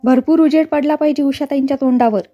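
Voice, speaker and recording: A woman reading aloud, voicing a hot-tempered middle-aged male film director who yells and scolds his crew. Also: very high-pitched, fairly even intonation, fast talker, dull audio, soft background music. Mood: yelling angrily. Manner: shouting, scolding.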